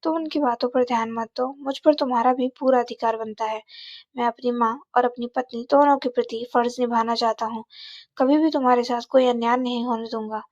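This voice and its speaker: A woman's voice: fairly high pitch, fairly even intonation, brisk, darkish tone, dry recording, natural voice. A woman voicing a torn young husband. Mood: exasperated. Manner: exasperated, earnest. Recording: slightly dull, dry recording.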